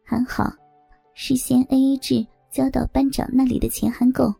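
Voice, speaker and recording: A woman narrating an adult audio story in a steady, unhurried reading voice. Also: sits high, vocal fry, husky, no room sound, soft background music, rough recording.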